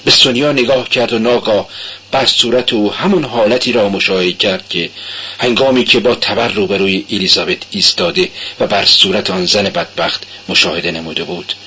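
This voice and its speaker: Male reader, forceful and husky, intense dramatic narration from an old radio recording. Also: on the low side, steady tone, muffled recording, slight background noise. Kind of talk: dramatic literary reading.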